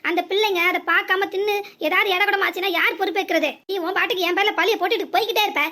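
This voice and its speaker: Give me a woman playing a bossy old village mother-in-law in a cartoon, with a southern Tamil accent and a bright, piercing voice. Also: very high-pitched, steady tone, very fast. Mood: indignant. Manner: scolding, long complaining rants. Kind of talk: cartoon voice acting.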